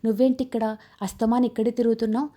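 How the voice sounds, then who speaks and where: A woman's voice: a little high, flat delivery, fast, mellow, close to an everyday voice. A woman voicing a composed young woman doctor who speaks firmly but politely in a storybook romance. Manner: firm, polite.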